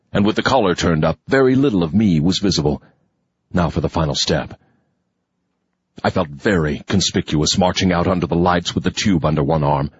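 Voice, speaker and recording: Male audiobook narrator, low husky voice, wry storyteller, dry muffled lo-fi sound. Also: no echo. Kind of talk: first-person audiobook narration. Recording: dull, lo-fi dry recording.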